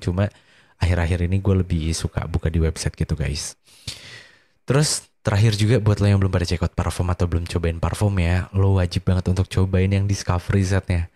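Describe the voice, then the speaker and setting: A man's voice: mellow, no echo. A tired, drowsy man with an Indonesian accent, chatting casually as the host of a late-night solo podcast. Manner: sleepy, drowsy, low-energy delivery. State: tired and slightly unwell.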